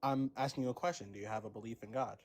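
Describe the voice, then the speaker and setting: A man's voice: medium pitch, steady tone, rapid-fire. A man of nineteen calling in, hesitant and repeating himself as he makes his point. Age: young adult. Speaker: caller.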